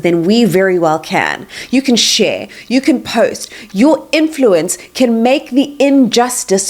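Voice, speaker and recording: A young woman from Tanzania, hosting a faith-based appeal to viewers, speaking earnestly with a preacherly swell. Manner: heartfelt, preacherly, swells higher and softer on scripture lines. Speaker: host.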